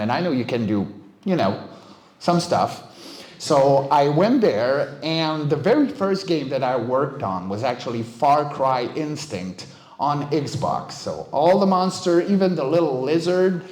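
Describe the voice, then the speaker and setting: A man in his forties, a monster voice actor and vocal coach, gives a casual, joking, self-deprecating guest talk to a live audience at an evening meetup. His medium-pitched voice has a darkish tone, and the indoor venue sounds roomy and echoing.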